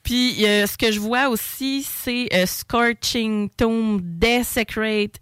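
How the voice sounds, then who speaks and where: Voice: mid-range voice, slow, fairly bright tone, clean tone, dry recording, clean studio sound. A radio co-host with a Québécois French accent, talking in casual chat with many hesitations.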